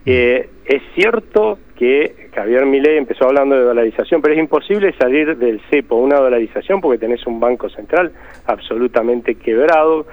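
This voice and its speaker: A man's voice: medium pitch, moderate pace, no echo. An Argentine man being interviewed as an economist, explaining emphatically and often rephrasing himself. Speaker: economist guest. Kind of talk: interview answers. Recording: tinny phone line.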